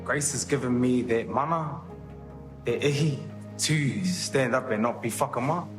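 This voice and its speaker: A man's voice: medium pitch, measured pace. A man giving sincere, personal, unscripted testimony. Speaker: documentary participant. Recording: loud music over the voice. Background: loud music.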